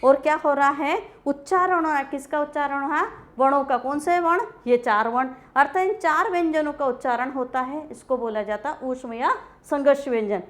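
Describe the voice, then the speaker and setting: A woman's voice: sits high, brisk, few pauses. A woman teacher giving a classroom grammar lecture, asking questions and answering them herself. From India. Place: coaching class.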